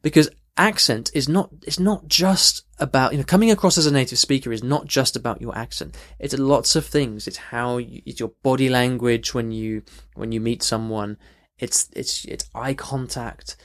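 A man's voice: medium pitch, normal speed, hardly any pauses, fairly bright tone. A man hosting a podcast lesson, explaining things in a loose, conversational way with frequent restarts and "okay" check-ins. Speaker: language teacher, podcast host. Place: in London.

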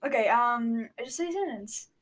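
Playful high-voiced young woman. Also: lively intonation, normal speed. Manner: teasing, playful, laughing. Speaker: podcast co-host. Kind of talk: casual chat.

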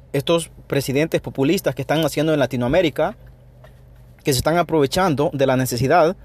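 A man's voice: a little high, darkish tone. A Salvadoran man hosting a solo podcast, talking in an earnest, opinionated way, with frequent restarts and "ok" check-ins. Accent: Salvadoran Spanish. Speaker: podcast host. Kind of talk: spontaneous solo podcast monologue.

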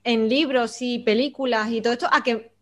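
A woman's voice: a little high, steady tone, fairly quick. A woman in a casual book chat, talking in a reflective, hesitant way with many restarts.

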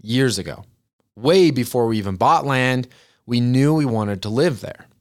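Twenties guy, earnest chatty motivational podcast talk, mid-pitched voice, keeps saying you guys. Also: expressive, a little slow. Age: 20s. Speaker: podcast host.

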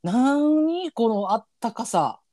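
A man with a Kansai accent co-hosting a casual podcast, excitable and laughing often as he reacts quickly. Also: very high-pitched, no echo, studio quality. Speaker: podcast co-host.

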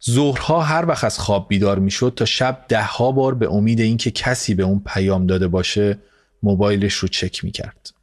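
A man reading a story aloud in calm, measured scripted narration. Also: lowish voice. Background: soft music score.

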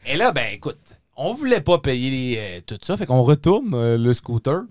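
Animated Québécois man telling a story. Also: mid-range voice, moderate pace, no room sound, studio quality. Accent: Québécois French. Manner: animated storyteller, laughs often, mixes English phrases. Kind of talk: casual chat, storytelling.

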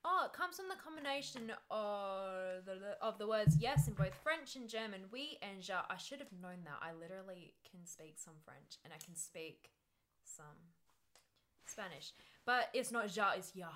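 A woman's voice: medium pitch, lively intonation, moderate pace. A young woman hosting a casual podcast, chatty and giggly as she talks with friends. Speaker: podcast host. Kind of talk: casual chat.

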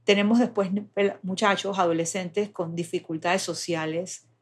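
A woman's voice: on the low side, steady tone, a little slow, husky. Patient woman explaining child development. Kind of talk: explanatory conversation.

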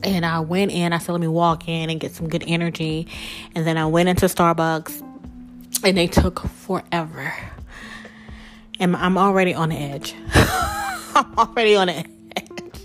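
A woman's voice: lowish voice, level tone, normal speed, long pauses, faint music behind. A woman podcast host and spiritual coach, talking casually and candidly through personal stories, with lots of "like" and "you know".

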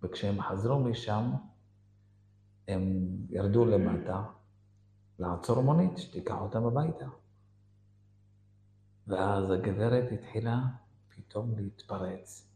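A man speaking as a religious speaker, telling a story in an animated, slangy way. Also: fairly low pitch, pauses often, a little hiss or hum. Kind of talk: storytelling talk. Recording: echoey room.

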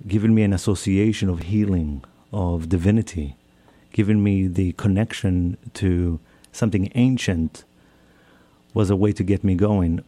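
A man's voice: low-pitched, dark tone, no echo. A man, giving a reflective personal talk and often repeating and rephrasing his phrases. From Israel. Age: 30s. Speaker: speaker. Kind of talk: personal talk on self-care.

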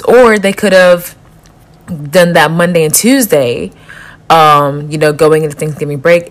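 A young woman hosting a casual football podcast, chatty and rambling with quick asides. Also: deep voice. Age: young adult. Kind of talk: casual chat.

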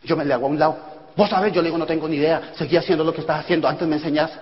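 A man giving an animated motivational talk, acting out dialogues with sudden loud bursts. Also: on the high side, racing, noisy background. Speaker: motivational speaker at a business event. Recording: echoey hall, dull lo-fi sound.

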